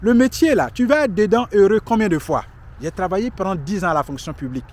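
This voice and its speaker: Here the same kind of motivational talk to camera comes fast: a man in his 30s, late thirties, on a city street outdoors, voice sitting high with lively intonation and a darkish tone. Some hiss or hum is audible, and he stays emphatic and preachy, repeating himself for stress.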